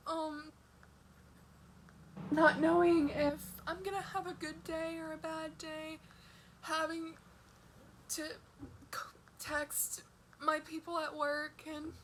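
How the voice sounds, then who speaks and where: A woman vlogger speaking personally and confessionally in a halting, downcast way. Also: very high voice, fairly bright tone, a little hiss or hum, poor audio. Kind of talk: personal, confessional vlog talk.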